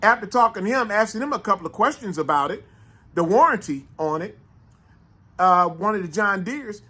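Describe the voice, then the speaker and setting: A man with a St. in a casual, animated monologue, making his points with repeated rhetorical questions. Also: sits high, moderate pace. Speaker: vlogger.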